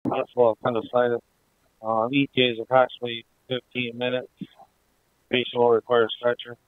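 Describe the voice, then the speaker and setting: A man's voice: medium pitch, monotone, brisk, no echo. A man giving terse emergency reports as a radio caller, crackling over a two-way walkie-talkie. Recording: tinny band-limited police scanner radio.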